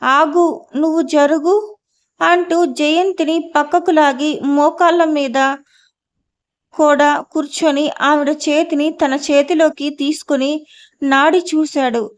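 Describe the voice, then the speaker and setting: A woman narrating a novel in a slow, measured reading voice. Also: high-pitched, fairly even intonation. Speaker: audiobook narrator. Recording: dull lo-fi audio.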